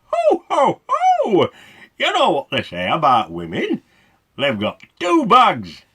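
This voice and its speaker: A man's voice: high voice, huge pitch swings, takes it slowly, sharp tone, slightly rough, exaggerated voice. A man playing a henpecked, emotional, jokey old Santa Claus in a comic radio play, with a Northern English accent. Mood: sheepish joking.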